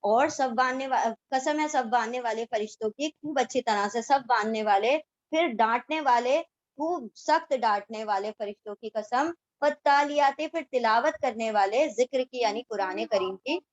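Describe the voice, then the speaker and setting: A woman teaching a word-by-word Quran translation lesson, reciting verses slowly and then explaining them in everyday speech mixed with English words. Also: on the high side, dry recording, muffled recording.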